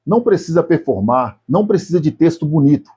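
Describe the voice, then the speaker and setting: Slow, husky Brazilian man reflecting. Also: a little high, animated, dark tone. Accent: Brazilian Portuguese. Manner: speaks slowly and deliberately, addressing the viewer directly in short phrases. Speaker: YouTube channel host. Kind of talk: reflective video essay monologue.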